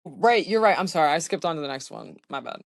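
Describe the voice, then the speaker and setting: A podcast co-host chatting casually about a book, laughing often and quick to agree. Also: medium pitch, animated, vocal fry, no room sound, studio quality.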